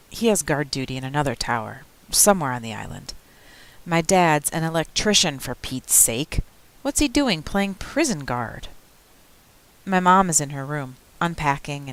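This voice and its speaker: A woman, a teacher, reading a children's novel aloud in an expressive first-person storytelling manner. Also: low-pitched, poor audio.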